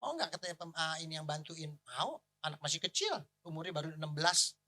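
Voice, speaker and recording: A male pastor, preaching in a casual storytelling way, animated and joking, with exclamations. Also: a little high, fast talker.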